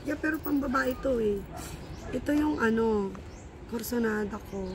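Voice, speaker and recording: A young woman chatting casually and haggling with lively exclamations while shopping outdoors at a sunny beach. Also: a little high, normal speed, a crowd in the background. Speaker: vlogger and shopper. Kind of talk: casual chat while bargaining. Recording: outdoor beach noise behind.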